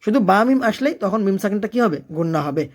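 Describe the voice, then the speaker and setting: A recitation teacher with a medium pitch gives a step-by-step lesson. Each word is chanted in a slow, long-drawn way. Then the teacher turns to quick, plain explanation, asking questions and answering them. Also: lively intonation, darkish tone. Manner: leads the learner, asking and answering its own questions.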